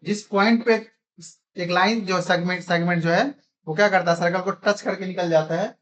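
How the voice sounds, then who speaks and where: A man's voice: sits high, steady tone, normal speed, fairly bright tone. A man teaching a classroom math lesson in speech, constantly quizzing his students with repeated questions.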